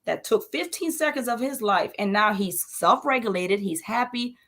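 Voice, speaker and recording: A woman retelling what a patient grandmother said about her young grandson, in a calm, matter-of-fact way. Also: on the high side, moderate pace.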